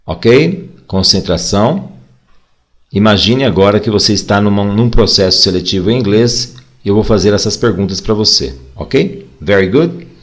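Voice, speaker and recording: A man with a Brazilian Portuguese accent teaching an online English lesson, drilling phrases slowly and then explaining casually. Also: fairly low pitch.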